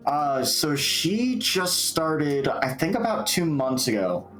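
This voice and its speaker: A man's voice: on the high side, very animated, takes it slowly, fairly bright tone, reverberant, faint music behind, low-quality recording. A man co-hosting a livestream in casual, conversational chat. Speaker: livestream co-host.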